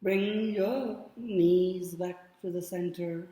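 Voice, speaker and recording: A man guiding a yoga class with calm, short spoken cues and pauses between them. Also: high-pitched. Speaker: yoga instructor. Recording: very echoey room with long reverb.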